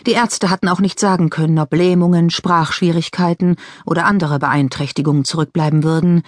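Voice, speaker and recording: A woman narrating an audiobook in a measured, even scripted reading. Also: deep voice, no room sound, clean studio sound.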